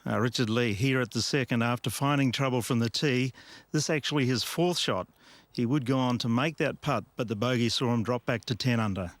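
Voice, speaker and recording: A man giving measured golf commentary as an analyst, describing play in clipped present-tense phrases. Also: mid-range voice, dry recording.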